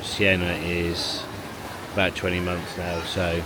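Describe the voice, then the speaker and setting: A family vlogger speaks slowly in a low, monotone voice, chatting casually to camera and chuckling between rambling remarks. He starts outdoors in a car park and ends up at a leisure pool, and the handheld recording has loud background noise.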